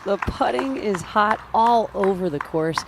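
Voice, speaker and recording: Animated female golf commentator over loud noise. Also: mid-range voice, measured pace, gravelly. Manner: admiring, appreciative golf commentator remarks. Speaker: disc golf color commentator. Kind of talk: golf-style analysis commentary.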